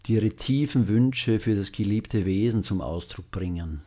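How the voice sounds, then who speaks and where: A man with a deep, slightly husky voice leads a guided meditation. He speaks very slowly and gently, leaving long pauses between phrases. The tone is mellow and subdued, and his sentence endings soften. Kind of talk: guided loving-kindness meditation.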